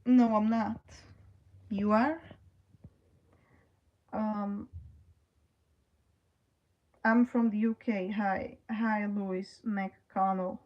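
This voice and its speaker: A young woman on a livestream reads chat messages aloud and answers them hesitantly, pausing often and using lots of fillers. Her voice is medium in pitch with a flat delivery, and the sound is lo-fi.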